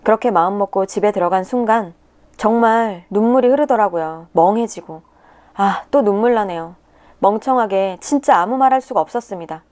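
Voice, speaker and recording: A woman reading a personal story aloud in the first person, with emotive, tearful delivery and pitch swings. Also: fairly quick, darkish tone. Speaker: narrator of a viewer's submitted story. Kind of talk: scripted first-person narration.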